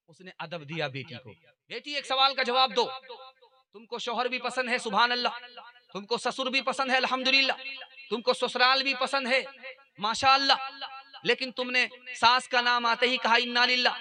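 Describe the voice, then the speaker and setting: A man delivers a sermon in a very high, piercingly bright voice. He repeats each piece of advice several times and acts out both sides of a conversation as he tells the story. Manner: repetitive, exhorting, voicing mother and daughter in dialogue. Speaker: preacher. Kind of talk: sermon with storytelling and sung verse.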